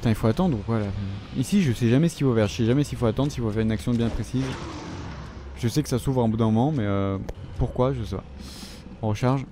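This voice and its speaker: A man's voice: mid-range voice, fast, background noise. French man muttering over a game. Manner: talks to the game enemy, swears a lot, mutters to himself. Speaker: gaming video host. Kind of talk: let's play commentary.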